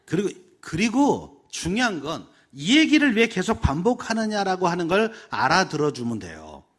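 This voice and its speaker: A middle-aged man leads a parenting seminar, his delivery lively and full of sweeping pitch. His voice has a husky grain, and he keeps slipping into acted-out voices to show his points. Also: moderate pace. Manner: animated, acts out examples in voices. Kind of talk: seminar lecture.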